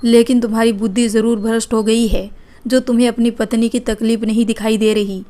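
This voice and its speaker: A woman's voice: on the high side, little pitch movement, a little fast, mellow, close to an everyday voice. A woman voicing an outspoken, caring elder sister-in-law in a read-aloud family story. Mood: angry. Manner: firm, reproachful.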